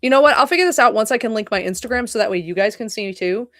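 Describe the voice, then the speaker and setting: This young woman chats on a home livestream at a very fast clip, her fairly high, expressive voice sounding fairly bright. She meanders, curses, and keeps interrupting herself with apologies, while faint music plays behind a clean, echo-free studio sound.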